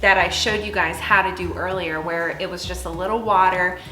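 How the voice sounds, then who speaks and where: A woman's voice: lowish voice, steady tone, brisk. A woman hosting a cooking show, bubbly and chatty as she demonstrates a recipe. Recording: echoey room with loud music.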